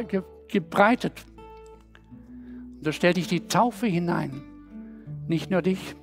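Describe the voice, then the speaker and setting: Male preacher, storytelling sermon, rhythmic repetition, faint music behind. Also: high-pitched. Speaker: pastor.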